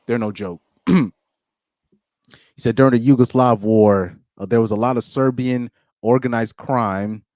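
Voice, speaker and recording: A young man chats casually on a live podcast stream, reading comments aloud and rambling in slang full of stops and restarts. His pitch sits mid-range for a man. The sound is close and dry. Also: measured pace, darkish tone, no room sound.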